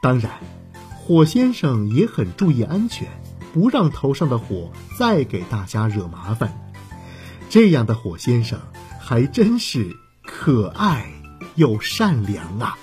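A man telling a bedtime-style children's story at an unhurried pace, his pitch rising and falling widely. Soft music plays faintly behind him. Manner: expressive, drawn-out storytelling to kids.

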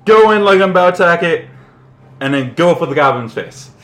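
A man playing in a tabletop game, excitable and rambling as he plans his moves. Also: on the high side, fairly quick, a little hiss or hum. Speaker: player. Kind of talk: tabletop role-play, casual chat.

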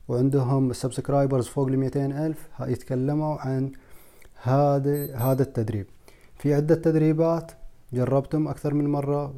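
A man's voice: medium pitch, mellow. A young man, coaching on public speaking in a casual video lesson and repeating points for emphasis. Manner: repetitive, emphatic, mixes in English terms.

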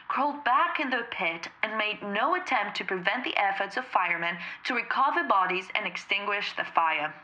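An actress playing a formal, measured female radio announcer linking emergency broadcasts in a radio drama. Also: mid-range voice, bright, forceful tone, low-quality recording.

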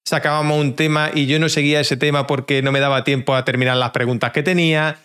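A man's voice: on the high side, steady tone, fast talker, fairly bright tone, clean tone. A man hosting a stream, chatting in an easygoing way with lots of fillers and self-corrections. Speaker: streamer host. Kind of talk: casual chat.

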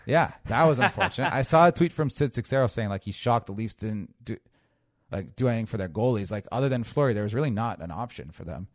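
A man talks fast and opinionated in a casual sports chat. His voice is mid-pitched and sounds close and dry, with no room around it. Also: animated, dry recording. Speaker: podcast co-host.

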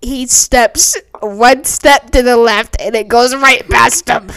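A woman's voice: fairly high pitch, steady tone, slow pace, a bit bright, a little hiss or hum. A woman improvising a silly story with a friend, playful and giggly, often slipping into silly voices.

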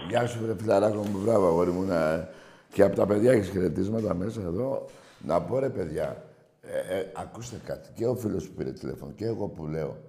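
A combative male radio host rants about his team, his gravelly voice jumping between grumbling and loud shouting. He swears freely. The studio around him sounds roomy and echoey. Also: deep voice. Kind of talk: fan sports talk radio rant.

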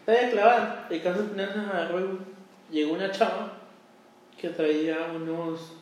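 A man with a Mexican Spanish accent, co-hosting a podcast and telling a story in a casual, animated way, acting out the voices of the people in it. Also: high voice, normal speed, a little hiss or hum. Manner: animated, acts out quoted voices. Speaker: podcast co-host. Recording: echoey room, far from the mic.

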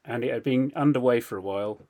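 Guy w a telling a funny story on a podcast, laughs a lot, mid-pitched voice. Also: fast talker. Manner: animated, laughs through his story. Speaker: podcast co-host. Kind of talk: casual storytelling chat.

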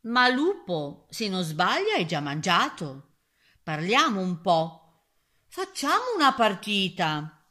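A woman's voice: medium pitch, sing-song, slow, sharp tone, exaggerated voice. A woman voicing a frightened little male pig from a storybook rhyme, coaxing nervously. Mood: pleading.

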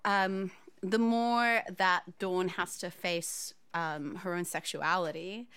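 A woman who co-wrote and sings in a musical, talking softly and haltingly with many "um"s. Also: on the low side, fairly even intonation, smooth. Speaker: co-writer and singer of a musical. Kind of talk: casual chat.

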